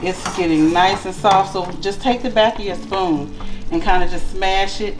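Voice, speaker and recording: A woman's voice: medium pitch, normal speed, roomy sound, over music, low-quality recording. A woman hosting a casual cooking vlog, chatty and calling her viewers y'all and child. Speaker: cooking channel host. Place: home kitchen.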